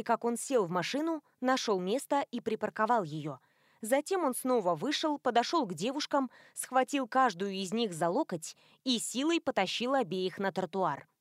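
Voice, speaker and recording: Expressive woman reading a story. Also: on the high side, no echo, clean studio sound. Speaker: audiobook narrator. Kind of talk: scripted narration.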